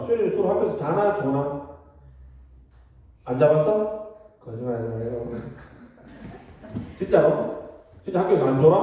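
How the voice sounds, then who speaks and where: A youth pastor with a slightly high, mellow voice gives a casual, chatty sermon in a church hall, teasing the children with direct questions. The recording is distant, echoey and dull.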